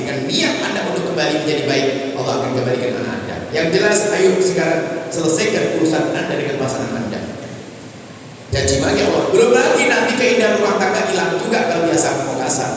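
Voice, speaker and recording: A man preaching a lively sermon in a large mosque, teasing and acting out short dialogues. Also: a little high. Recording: echoey hall from far off with room noise.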